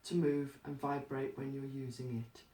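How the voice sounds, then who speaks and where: In a how-to craft demonstration, a woman walks through each step in a plain, practical, instructive way. Her voice is extremely low and dark, with a level tone and normal speed. A distant microphone leaves the sound roomy and echoey.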